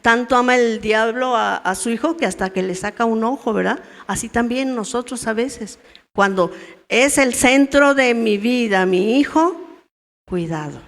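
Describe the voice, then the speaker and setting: A woman's voice: on the high side, moderate pace. A middle-aged woman teaching a women's church meeting in a conversational way, often asking her listeners questions. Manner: conversational, asks the audience questions. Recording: long reverb of a church hall.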